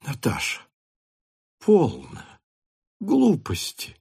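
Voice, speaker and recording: A man playing a weary, soft-spoken countess. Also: lowish voice, very animated, slow pace, vocal fry, slightly rough, dry recording, studio quality, heavily acted. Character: weary middle-aged countess, dry and patient.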